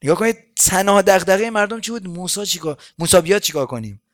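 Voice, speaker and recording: A man's voice: high-pitched, lively intonation, fairly bright tone, no room sound, studio quality. A man preaching a sermon in a conversational, ironic way, full of rhetorical questions.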